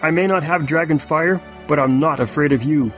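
A young dragon speaks in a raised, youthful, earnest voice, as a man puts him on. He is brave yet gentle in this storybook reading. Faint music plays beneath. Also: fairly high pitch, moderate pace, pitched above the performer's own voice, close to an everyday voice. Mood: fierce.

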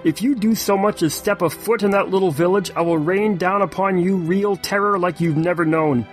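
A man voicing a young male dragon who is brave and gentle, in a raised youthful voice. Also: sits high, normal speed, faint music behind, pitched above the performer's own voice, natural voice. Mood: fierce.

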